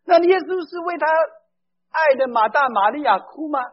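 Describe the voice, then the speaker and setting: A man's voice: very high-pitched, animated, normal speed. A man preaching a sermon, speaking emphatically, putting questions straight to his listeners and mixing in English phrases. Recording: dull lo-fi recording.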